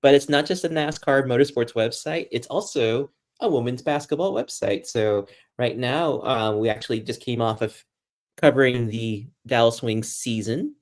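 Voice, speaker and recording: An American sports journalist from Boston guests on a casual livestream, chatting with viewers in a self-deprecating way. His voice sits at average pitch and he talks at a moderate pace.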